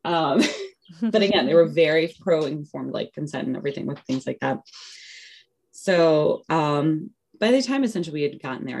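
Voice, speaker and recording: A woman's voice: deep voice, a little mellow, husky. A woman casually telling a personal story as an interview guest, full of "like" and "you know" and quoting what she said back then. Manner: acts out her own past remarks in quotes.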